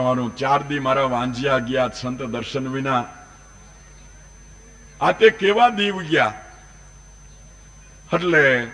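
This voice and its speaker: A man, telling a folk tale as a religious storyteller in a lively, dramatic manner. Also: medium pitch. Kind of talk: devotional scripture recitation and folk storytelling.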